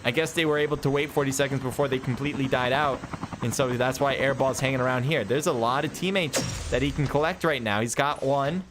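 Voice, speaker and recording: A man doing live play-by-play commentary on an esports match, calling action quickly and excitedly with chatty asides to himself. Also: mid-range voice, background noise. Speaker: esports caster. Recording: game gunfire and vehicles behind voice.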